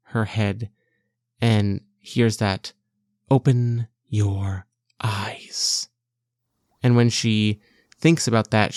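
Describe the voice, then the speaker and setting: A man narrating his solo tabletop game in a relaxed way, thinking aloud as he goes. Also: on the low side, clear, resonant tone, no echo, studio quality.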